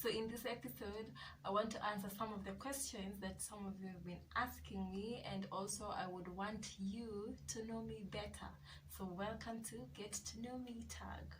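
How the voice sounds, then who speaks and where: A woman's voice: mid-range voice, steady tone, normal speed, recorded from a distance, noisy background. A woman in her twenties from Kenya with a Kenyan accent, chatting casually to camera as a vlogger and repeating herself with lots of yeses. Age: 20s.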